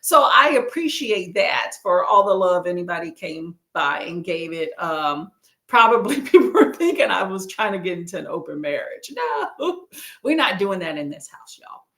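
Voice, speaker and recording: Hosting a book livestream, a Texan woman in her thirties with a light Southern accent chats casually and laughs often. Her voice is on the low side with big pitch swings, a moderate pace, and a slightly bright, reverberant sound.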